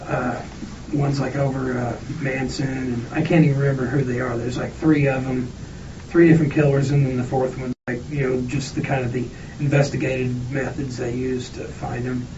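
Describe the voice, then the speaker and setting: A man's voice: medium pitch, little pitch movement, normal speed, dark tone. A man being questioned as a suspect, answering in a jittery, hesitant way with many false starts, on a muffled, noisy interview recording. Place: echoey interview room, far mic. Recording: muffled, noisy, echoey police room recording, distant mic.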